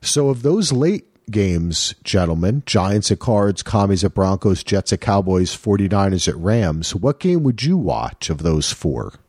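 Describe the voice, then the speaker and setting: A man hosting a casual sports podcast over a remote call, talking in a lively, rambling way with chuckling asides. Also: low voice, measured pace, few pauses, slightly rough, no echo, studio quality. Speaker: podcast host.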